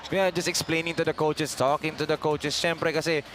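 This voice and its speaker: A man's voice: on the high side, fairly even intonation, brisk, fairly bright tone, faint music behind. A man with a Filipino accent giving live basketball commentary in a conversational, explanatory way, repeating for emphasis. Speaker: sports commentator.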